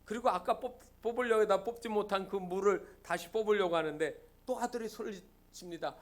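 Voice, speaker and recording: A man's voice: high-pitched, brisk. A male pastor giving a Sunday sermon, telling a story and asking the congregation rhetorical questions.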